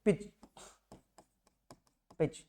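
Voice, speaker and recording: A man's voice: very slow, mellow. A man teaching nursing exam material in a classroom lecture style, repeating key words and asking and answering his own questions.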